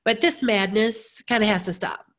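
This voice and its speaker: A woman hosts a casual live podcast in a mid-pitched voice. She sounds gravelly and a little hoarse, as if under the weather. Her delivery is conversational and earnest, like talking straight to her listeners. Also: normal speed, fairly bright tone. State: hoarse from being sick. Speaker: podcast host. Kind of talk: casual live-streamed talk about sewing.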